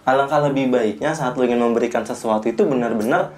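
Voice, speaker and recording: A man's voice: medium pitch, fast, a little mellow. A young man explaining things in casual chat, repeating his words as he goes. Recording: echoey room.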